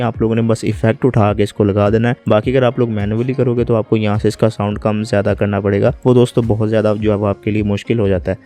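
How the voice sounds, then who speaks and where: A man narrates a screen-recorded software lesson from his computer. His voice sits low and dark, with little rise and fall, and he moves calmly from step to step. Soft music plays faintly beneath him. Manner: calm, step-by-step, often says "friends". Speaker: software tutorial host.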